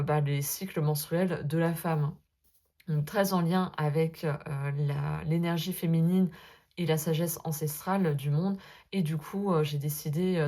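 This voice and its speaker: A woman talking casually to her viewers about her tarot cards, full of hesitant fillers and gentle asides. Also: deep voice. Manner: hesitant, many filler euhs, gentle and self-deprecating. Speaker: sophrologist and tarot vlogger. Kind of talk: casual spoken vlog, addressing viewer as tu.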